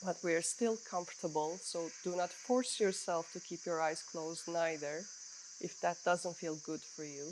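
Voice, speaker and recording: A woman with a fairly low voice leads a guided breath-counting meditation. She instructs in a measured, unhurried way, leaving pauses between her phrases. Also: steady tone, background noise.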